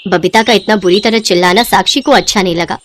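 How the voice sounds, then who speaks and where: A woman's voice: medium pitch, fast, slight background noise. A woman narrating a cartoon moral story in a scripted storytelling delivery.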